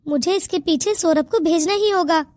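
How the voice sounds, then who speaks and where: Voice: very high voice, moderate pace, a little mellow, a little hiss or hum. A voice artist playing a firm, worried wealthy father in a cartoon.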